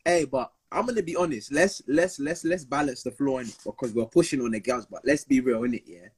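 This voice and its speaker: A man's voice: mid-range voice, fairly quick, breathy edge. A young man with a London roadman accent telling stories casually in slang, repeating himself and acting out quotes. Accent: London urban slang (roadman). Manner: slangy, repetitive, acts out quotes. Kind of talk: casual storytelling banter.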